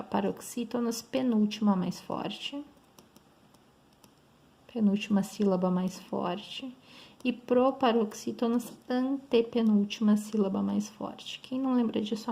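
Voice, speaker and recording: With a mid-range, gravelly voice, a woman speaking with a Brazilian Portuguese accent teaches grammar online. She explains each step and keeps checking in with her students.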